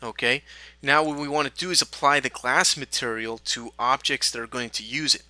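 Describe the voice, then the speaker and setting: A man teaching a software tutorial, talking through each step in a relaxed way with small fillers. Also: medium pitch, moderate pace, dry recording. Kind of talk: screen-recorded software tutorial.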